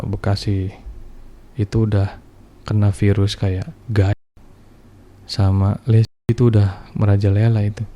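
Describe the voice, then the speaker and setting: Seorang pria berlogat bercerita santai tentang pengalamannya, blak-blakan, kasar, dan penuh bahasa gaul. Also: male voice, lowish voice, warm tone. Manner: blunt, profane, slangy. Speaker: guest telling a personal story. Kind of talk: casual storytelling chat.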